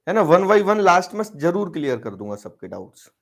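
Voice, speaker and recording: A man's voice: high voice, sing-song, moderate pace. A man teaching a live online math class, coaxing and quizzing his students as he explains. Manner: coaxing, quizzing students, switching between Hindi and English terms.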